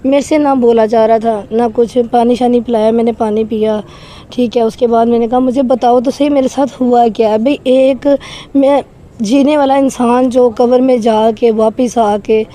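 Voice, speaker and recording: In an interview, a woman earnestly recounts a frightening personal experience, her voice trembling and shaken with emotion. It's fairly high in pitch and dark in tone, with a steady delivery.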